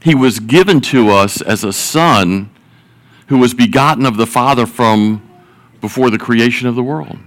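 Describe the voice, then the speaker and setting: A man's voice: mid-range voice, moderate pace, fairly bright tone, poor audio. A man preaching a sermon, opening with folksy joke stories and repeating his words as he goes. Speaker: pastor. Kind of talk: sermon with jokes.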